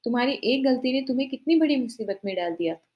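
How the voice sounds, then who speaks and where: A woman voicing a patient, forgiving young daughter-in-law who speaks softly and meekly. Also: a little high, animated, fast talker, highs cut off, close to an everyday voice.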